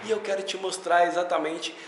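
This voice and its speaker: A man's voice: high voice, fairly even intonation, a little fast, a bit bright, echoey room, a little hiss or hum. A man with a Brazilian Portuguese accent giving a casual video lesson as an English teacher, chatty and talking straight to the viewer. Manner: chatty, addresses viewer directly.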